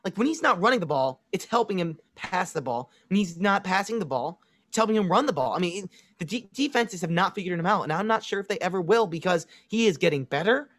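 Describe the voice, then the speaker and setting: A man's voice: sits high, expressive, fairly quick, few pauses, a bit bright, no room sound. A man with a Chicago accent co-hosting a casual sports podcast, confidently analyzing teams and making predictions. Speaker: podcast co-host.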